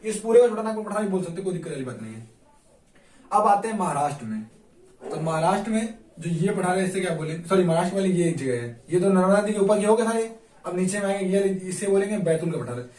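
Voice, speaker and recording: Guy teaching a map class, high voice, echoey room, keeps quizzing and answering himself. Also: animated, quick pace, a little mellow. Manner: repetitive quiz-style questioning. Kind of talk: informal map lesson. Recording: echoey room, distant mic, faint noise.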